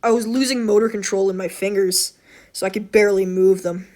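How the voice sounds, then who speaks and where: A woman with a hoarse, slightly wheezy voice giving a casual, unscripted game tutorial in a rambling, self-deprecating, apologetic way. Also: medium pitch, fairly even intonation, a little fast, darkish tone. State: hoarse throat. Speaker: tutorial host.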